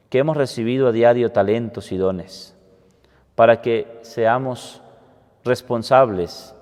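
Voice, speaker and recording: A man, a priest, giving a measured homily and leading prayers at Mass, his voice carrying a long church hall reverb. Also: on the low side, darkish tone. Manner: slow, measured preaching with emphatic rises. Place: large church.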